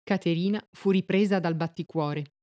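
A woman reading a story aloud in a measured, even narrating voice. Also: lowish voice, no room sound, clean studio sound.

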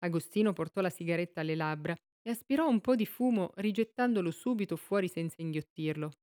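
Woman reading a novel aloud, lowish voice. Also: animated, fast talker, darkish tone. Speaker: audiobook reader.

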